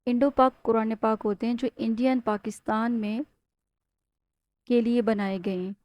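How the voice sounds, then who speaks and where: A woman from Pakistan, teaching Quran recitation step by step. She explains patiently, often checks in with the learner, and slowly chants Arabic words as models. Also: a little high, steady tone, dry recording, lo-fi sound. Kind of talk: step-by-step Tajweed lesson.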